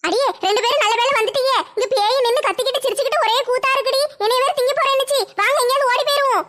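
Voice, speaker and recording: A woman's voice: extremely high pitch, very fast. A woman playing a fearful, chatty village wife and mother who rambles and complains. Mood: frightened.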